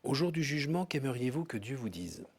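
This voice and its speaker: A man hosting a TV interview, asking brief, calm questions. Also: mid-range voice, brisk, husky. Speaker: TV host.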